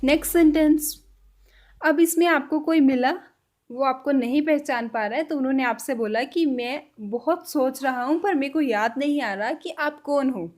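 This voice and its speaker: A woman giving a casual spoken language lesson, mixing English words into her explanations and repeating each example phrase slowly and deliberately. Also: high-pitched, darkish tone. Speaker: language teacher.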